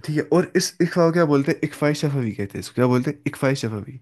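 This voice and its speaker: A man teaching the rules of Quran recitation in a conversational lesson. He mixes in English words, often checks that students follow with "okay?", and slows down to demonstrate each recited example. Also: a little high, expressive, darkish tone.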